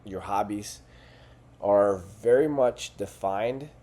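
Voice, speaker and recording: A man with a fairly low, mellow voice speaks as a coach. He talks in an earnest, conversational way and checks in with the listener often. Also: slow pace. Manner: earnest, conversational, with fillers and rhetorical "right?". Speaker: fitness coach. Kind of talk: coaching talk to camera.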